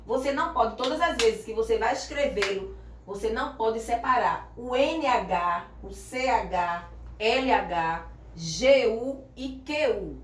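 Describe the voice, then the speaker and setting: A woman teacher with a slightly high voice explains a grammar lesson at an easy, patient pace. She spells letters out slowly and checks in with the class. She sounds set back from the mic in a roomy, echoing space. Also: expressive. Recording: echoey room, voice from far off.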